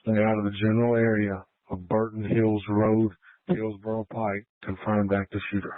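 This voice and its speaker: A man dispatching alerts over a police radio, in a flat, clipped delivery. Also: lowish voice, normal speed, no echo. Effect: police radio transmission. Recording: tinny narrow-band radio audio.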